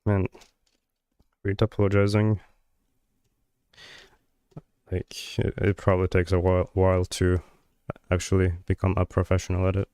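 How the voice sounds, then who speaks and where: A low, flat-voiced man from Georgia, with Georgian as his first language, muses fairly quickly while working on a live stream. His voice is smooth, yet his speech is hesitant, with lots of fillers and unfinished thoughts. No room sound is audible.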